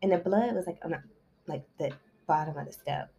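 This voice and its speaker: In a muffled recording with a little hiss or hum, a book summary vlogger retells a novel's plot fairly quickly. Her voice sits low and sounds creaky and dark, and she rambles casually, leaning constantly on "like" and "you know."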